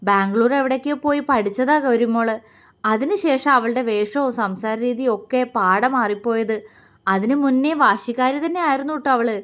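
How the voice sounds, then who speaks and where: A woman voicing a gentle, grieving middle-aged mother who speaks in soft, tearful pleas. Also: fairly high pitch, normal speed, lightly acted. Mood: sorrowful.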